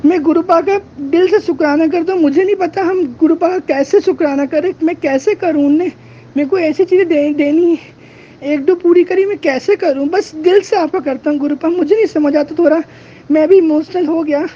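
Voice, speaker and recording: A man's voice: extremely high pitch, moderate pace, mellow, a little hiss or hum. A young man praying outdoors at night, tearfully and repeatedly begging his guru for help. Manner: begging, repetitive, emotional. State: tearful, near crying. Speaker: devotee. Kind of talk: tearful pleading prayer. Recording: dull lo-fi with faint ambience.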